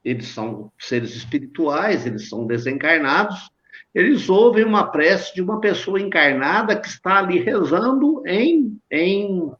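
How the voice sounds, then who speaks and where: High-voiced Brazilian man explaining a reading. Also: animated, unhurried, a bit bright, highs cut off. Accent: Brazilian Portuguese. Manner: thoughtful, reads passages aloud. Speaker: study group speaker. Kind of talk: explaining a book passage.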